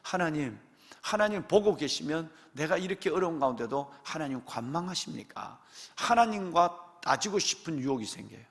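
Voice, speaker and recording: Gravelly preaching man in a reverberant church. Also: fairly high pitch, animated, moderate pace, a bit bright. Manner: emphatic preaching with many rhetorical questions; often addresses the congregation directly. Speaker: pastor. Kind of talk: sermon. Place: church sanctuary.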